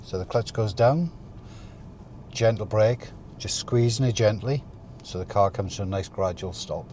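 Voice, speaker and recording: A man talking through a driving lesson as an instructor, calmly explaining each step while he drives. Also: lowish voice. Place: inside a moving car. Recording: car interior with faint vehicle noise.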